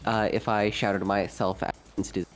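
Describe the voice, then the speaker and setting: A man's voice: lowish voice, flat delivery, moderate pace, soft background music. Choppy, cutting-out young man on a call. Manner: hesitant, lots of ums. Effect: choppy online audio cutting out mid-word. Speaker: guest artist on a stream. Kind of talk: casual chat. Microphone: computer mic over an online call.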